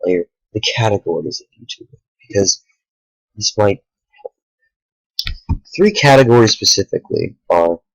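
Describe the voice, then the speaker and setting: A tired young man talking earnestly to the camera late at night, a small YouTuber speaking in halting sentences with sighs. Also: sits low, no room sound, low-quality recording. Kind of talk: sincere direct-to-camera talk.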